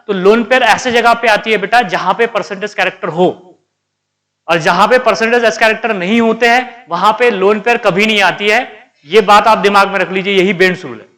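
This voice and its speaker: A male chemistry teacher with a high, slightly bright voice lectures his class, quizzing students and answering his own questions. He scolds and calls out the ones who aren't paying attention.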